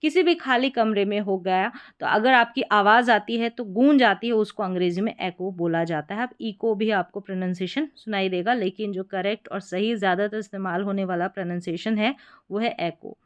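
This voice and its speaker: A woman's voice: mid-range voice, moderate pace, smooth. A woman teaching English reading, patiently spelling words out letter by letter and repeating each pronunciation. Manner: repeats words and checks in with short affirmations. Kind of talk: explaining spelling patterns step by step.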